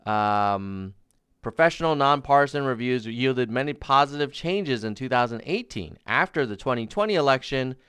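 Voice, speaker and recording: A man's voice: mid-range voice, lively intonation, moderate pace, fairly bright tone, clean tone, no room sound. A man giving live-stream political commentary, reading documents aloud in an emphatic, sarcastic, incredulous debunking manner, repeating key phrases.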